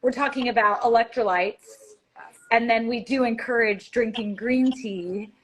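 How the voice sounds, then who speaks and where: A woman hosting a casual live-stream chat, bubbly and chatty and quick to laugh. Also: a little high, fairly even intonation. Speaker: host of a live wellness chat.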